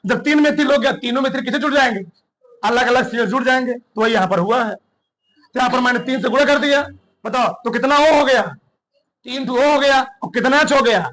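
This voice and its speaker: High, bright-voiced male chemistry teacher. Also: low-quality recording. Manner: drills students with call-and-response questions; dictates notes slowly, repeating words. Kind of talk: classroom lecture.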